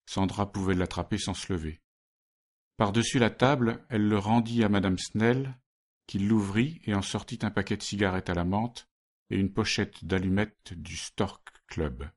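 Deep-voiced male narrator. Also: normal speed. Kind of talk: scripted narration.

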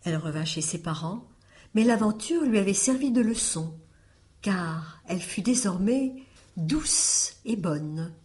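A woman reading a fairy tale aloud, deliberate and expressive. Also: medium pitch. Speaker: storyteller.

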